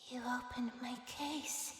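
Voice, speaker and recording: Eerily calm creepy little doll. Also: mid-range voice, slow pace, slightly rough, exaggerated voice. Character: small creepy doll in a toy factory. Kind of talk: horror game voice acting.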